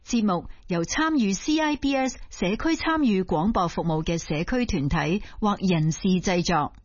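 Woman announcer for a station notice; even, formal, dry lo-fi. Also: mid-range voice, moderate pace, dry recording. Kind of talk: scripted radio announcement. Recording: dull lo-fi radio broadcast.

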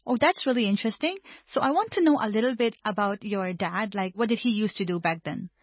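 A woman's voice: mid-range voice, brisk, no echo. A woman from Hong Kong, a young adult, hosting a radio interview with upbeat scripted introductions. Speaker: radio host. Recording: dry, slightly muffled radio broadcast.

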